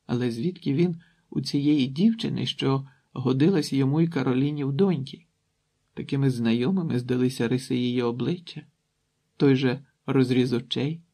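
Raspy male audiobook narrator. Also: mid-range voice, mellow. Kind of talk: scripted narration.

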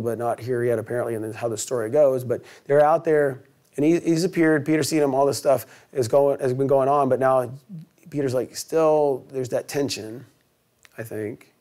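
A man preaching a sermon in church, telling a story in a lively way and acting out the characters. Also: mid-range voice. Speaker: pastor. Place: church sanctuary.

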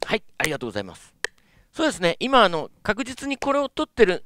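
A man's voice: high voice, wildly swooping pitch, quick pace, noisy background. A man teaching as a vocal coach, explaining politely with many filler sounds. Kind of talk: instructional lesson.

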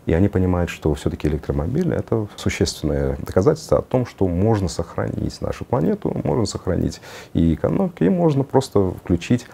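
Very deep, gravelly man. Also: sing-song, quick pace, mellow, slight background noise. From Uzbekistan. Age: middle-aged. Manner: hesitant phrasing, slips in English words. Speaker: interview guest, car designer. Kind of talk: conversational studio interview. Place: TV studio. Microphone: lapel.

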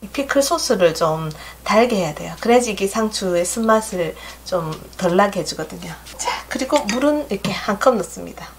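A woman's voice: mid-range voice, animated, brisk, hardly any pauses, a little hiss or hum. Middle-aged Gyeongsang-accented woman, cooking host, chatty step-by-step kitchen talk, faint pots clinking behind. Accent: Gyeongsang Korean. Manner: chatty, homey step-by-step instructions. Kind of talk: home cooking demonstration. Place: home kitchen. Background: clinking dishes and pots.

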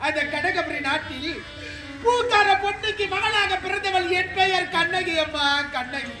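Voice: very high voice, measured pace. A performer in a stage drama playing a young orphaned mother who wails and sobs as she laments her lost son. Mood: lamenting. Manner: wailing, sobbing, declamatory lament. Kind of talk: Tamil stage drama acting. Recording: echoey stage recording with music.

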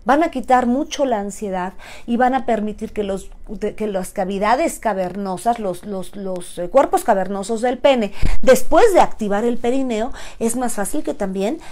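A woman's voice: medium pitch, moderate pace. A middle-aged woman with a Mexican accent, hosting a frank, playful live talk as a sexuality educator. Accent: Mexican Spanish. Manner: animated, playful, frank and chatty.

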